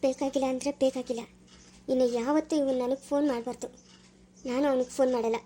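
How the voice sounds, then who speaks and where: Woman acting as a wronged young wife, very high voice, tearful, bitter, repeating refusals. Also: steady tone, fast, dark tone, a little hiss or hum, close to an everyday voice. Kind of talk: village family drama acting.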